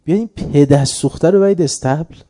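A man voicing a vain, quick-tempered old king who barks orders, in a dark voice. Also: medium pitch, animated, gravelly. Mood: angry. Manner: shouting orders in a raised voice.

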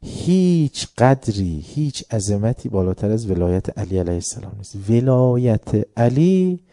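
Dark-voiced man preaching a sermon. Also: dry recording, clean studio sound. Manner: impassioned, swells loud then drops low.

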